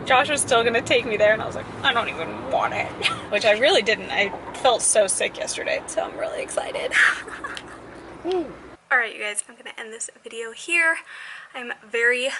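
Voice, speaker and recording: A woman's voice: fairly high pitch, sharp tone. A young woman chatting casually to her camera in a bubbly, giggly way, recorded on a handheld camera. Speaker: vlogger. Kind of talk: casual vlog. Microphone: handheld camera mic. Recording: noisy handheld camera audio.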